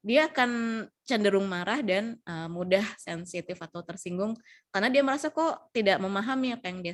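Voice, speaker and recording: A young adult woman giving an explanatory health talk on caring for older people, with frequent fillers and restarts. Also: mid-range voice. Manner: explanatory, many fillers and restarts, acts out quoted lines. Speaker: health educator.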